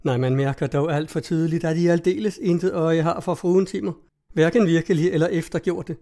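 A witty young woman from an old tale speaks with teasing composure, as a man reads her part. The voice sits a little high and sounds warm and mellow. She comes across as cheerful and sure of herself. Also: steady tone, lightly acted.

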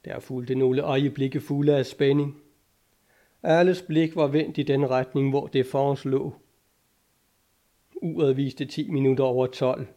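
A man narrating an adventure audiobook in a measured, dramatic reading. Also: mid-range voice, steady tone, mellow.

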